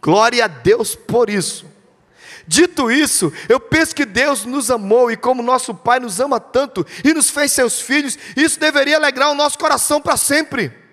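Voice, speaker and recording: A man's voice: very high voice, moderate pace, a bit bright. A Brazilian man preaching an impassioned, emphatic sermon as pastor, speaking directly to his congregation. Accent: Brazilian Portuguese. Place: church sanctuary. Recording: long church hall reverb.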